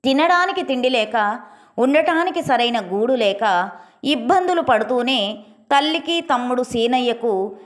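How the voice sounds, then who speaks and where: Woman storyteller, steady scripted narration, higher pitch. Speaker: storyteller, channel host.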